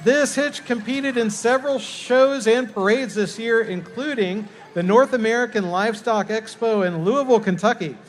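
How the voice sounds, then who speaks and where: A man's voice: very high-pitched, normal speed, hardly any pauses. A man working as master of ceremonies, announcing a live parade in a folksy way to the crowd.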